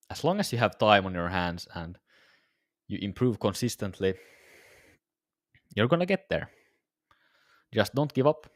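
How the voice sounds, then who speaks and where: This day-trading streamer, tired and a bit worn-sounding, muses aloud to his viewers in a fairly low, slightly bright voice. The talk is laid-back, and the studio-quality recording has no echo.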